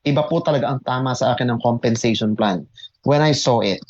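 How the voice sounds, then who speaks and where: A man who mentors in network marketing tells his own story to an online audience, excitable and emphatic, often repeating words and switching between Tagalog and English. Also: mid-range voice, fairly quick, muffled recording. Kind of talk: motivational testimony to an online audience.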